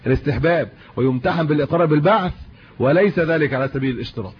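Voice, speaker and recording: A man's voice: on the high side, racing. A man with an Egyptian Arabic accent giving a religious lesson, reading classical texts and explaining them in everyday speech with rhetorical questions. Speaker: religious teacher. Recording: muffled lo-fi audio with faint hiss.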